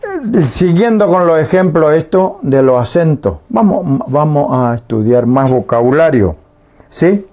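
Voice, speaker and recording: A man's voice: fairly high pitch, sing-song, a little slow, dark tone. A man teaching a Guarani language lesson on the radio, patiently explaining and often checking that listeners understand. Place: radio studio.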